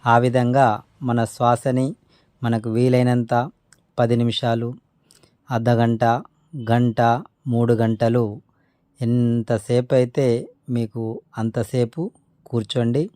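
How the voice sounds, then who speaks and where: A man giving spoken meditation instruction in a calm, unhurried way, pausing between short phrases. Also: medium pitch, no echo. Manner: respectful formal greeting. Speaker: meditation teacher.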